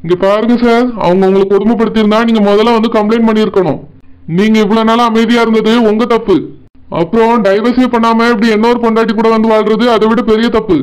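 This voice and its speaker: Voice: medium pitch, flat delivery, fast talker, darkish tone, clear, resonant tone, natural voice, poor audio. A voice actor playing a stern village police officer who lectures firmly. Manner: firm, lecturing.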